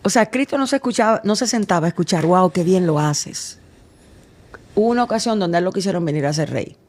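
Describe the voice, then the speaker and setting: A man's voice: sits high, lively intonation, very fast, slight background noise. A man who is a pastor, talking emphatically in conversation and asking rhetorical questions like a preacher.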